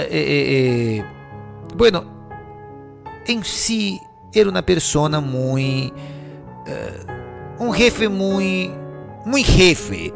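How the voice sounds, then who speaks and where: A man giving an emotional personal testimony in a halting, earnest way, with many fillers and tag questions. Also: a little high, gravelly, a bit bright. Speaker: testimony speaker.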